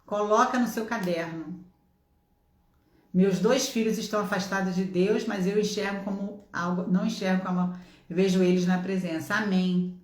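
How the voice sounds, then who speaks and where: A woman's voice: medium pitch, steady tone, moderate pace, echoey room. A middle-aged woman with a Brazilian accent preaching a passionate sermon from her home office, exhorting listeners and acting out dialogue from her testimony. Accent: Brazilian Portuguese.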